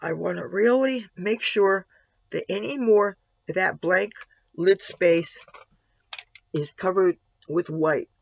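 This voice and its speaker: High-pitched, slightly gravelly man, casual makeup tutorial. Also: slow pace, no echo. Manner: step-by-step self-narration with candid asides. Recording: dull, lo-fi sound.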